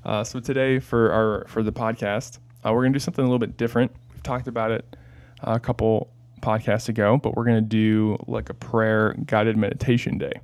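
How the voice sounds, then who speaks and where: A man's voice: on the low side, level tone, a little fast, few pauses, darkish tone. A man hosting a parish podcast in casual chat, often hesitant with fillers and restarts. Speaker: podcast host.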